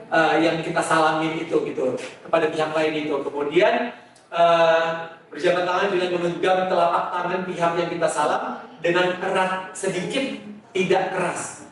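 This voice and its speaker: A man with a high voice explains sales skills in a loose, conversational way, pausing often and trailing off his points. He sounds distant from the microphone, and the room rings with a heavy echo. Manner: loose, conversational, with frequent "eh" hesitations and trailing "gitu". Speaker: sales training instructor. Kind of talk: casual instructional talk. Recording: very echoey room, voice distant from mic.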